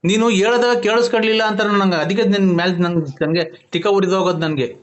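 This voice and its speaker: A man's voice: sits high, fairly even intonation, quick pace. A man making a prank phone call, acting drunk, rambling and pleading. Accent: Kannada-speaking Karnataka. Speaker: prank caller. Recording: muffled phone call audio.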